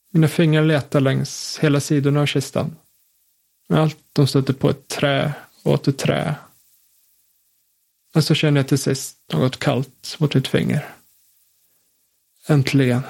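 A man telling a suspenseful first-person story in a calm, measured way. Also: fairly high pitch, vocal fry.

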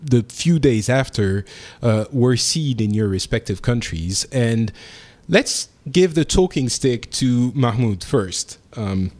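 A French podcast host with a French accent leads a casual group discussion, hesitating often with many fillers and restarts. His voice is medium-pitched, expressive, and darkish in tone, and he speaks slowly.

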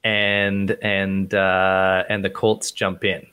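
A man's voice: low-pitched, completely flat delivery, slow pace, bright, forceful tone, clear, resonant tone. A man co-hosting a casual sports podcast, opinionated and thoughtful, often restarting as he builds his point. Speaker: podcast co-host.

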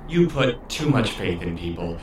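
An actor playing a skeptical, measured male ally in an audio drama. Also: lowish voice, sing-song. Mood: wary. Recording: very echoey room, clear background noise.

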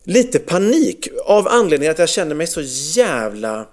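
A man in his thirties telling a personal story in casual chat, animated, swearing freely and full of fillers. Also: fairly high pitch.

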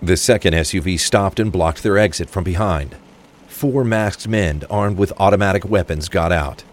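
This deep-voiced man narrates a crime thriller audio drama from a script at a moderate pace. The recording has faint rain and traffic ambience behind it, with rain and passing vehicles audible.

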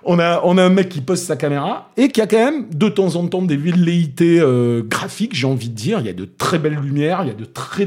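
A man with a Toulouse accent talks through a film review in loose, conversational chat. His voice sits a little high and sounds husky. He stumbles through restarts and fillers but keeps pressing his points with energy. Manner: hesitant, many fillers and restarts, animated critique. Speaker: film critic on a panel.

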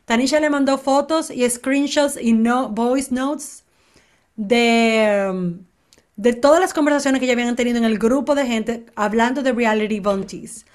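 Woman dishing gossip on a podcast, fairly high voice, acts out the quotes big. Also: a little slow. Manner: animated, acts out quotes dramatically. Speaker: podcast co-host. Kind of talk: casual gossip chat.

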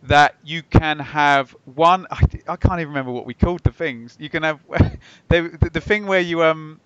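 A man's voice: fairly high pitch, normal speed, fairly bright tone, smooth, no echo. A man hosting a casual football podcast, explaining things in a jokey, teasing way. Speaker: podcast host and quizmaster. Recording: slightly dull lo-fi microphone sound.

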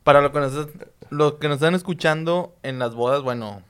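A man with a Mexican accent co-hosting a podcast, chiming in with quick, casual reactions. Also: on the high side, smooth. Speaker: podcast co-host. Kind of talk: casual chat.

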